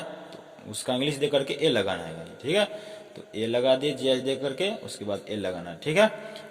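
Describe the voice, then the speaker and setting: Man teaching, loose and self-correcting, echoey room. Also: mid-range voice. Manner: repeats filler words, often apologizes and corrects himself. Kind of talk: casual spoken lesson.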